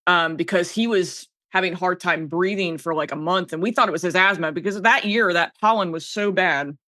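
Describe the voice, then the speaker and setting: Here an American woman from South Jersey, a podcast guest who produces audio and video, swaps personal stories in casual conversation, interrupting herself often. Her voice is bright, fairly low and fairly quick. The sound is dry and close, with no room sound.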